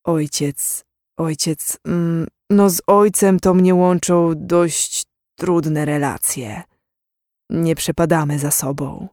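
A narrator voicing a gentle, evasive young man who talks hesitantly about his past, in an audiobook reading. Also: on the high side, flat delivery, no echo, clean studio sound. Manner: hesitant, slow, sparing with words.

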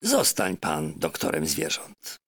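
A man's voice: very deep voice, huge pitch swings, slow pace, gravelly, fairly bright tone, slightly rough, no room sound, pitched below the performer's own voice, full character voice. A man voicing a chatty, scheming middle-aged meat seller with a fawning, wheedling manner, in a storybook reading.

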